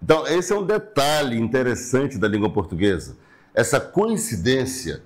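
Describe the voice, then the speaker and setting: A Brazilian man teaches a recorded online grammar lesson at a steady, explanatory pace. His voice sits in an ordinary middle pitch. He repeats key words and checks in with his listeners often. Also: normal speed. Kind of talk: recorded online class lecture.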